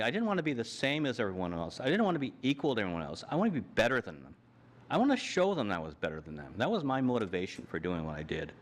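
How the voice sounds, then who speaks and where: Speaking on a panel before an audience in a hall, an older man from Canada talks plainly and personally about his slides, restarting frequently. His voice is fairly low in pitch, with a little hiss or hum in the recording.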